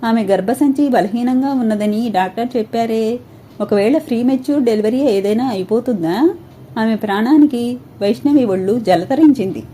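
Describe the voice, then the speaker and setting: A woman reading a love story aloud with steady, expressive narration. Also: a little high, moderate pace, slight background noise.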